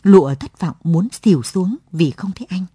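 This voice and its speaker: Husky low-voiced woman narrating a story. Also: animated, no echo, clean studio sound. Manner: gentle, measured narration. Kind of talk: late-night radio story reading.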